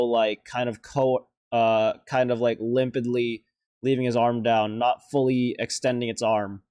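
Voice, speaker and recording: A man with a mid-range, darkish voice hosts a reaction video as a vtuber, giving casual, off-the-cuff commentary in a loose, conversational way. He rambles and hesitates, thinking aloud as he works through his ideas. The recording is dry, with almost no room sound.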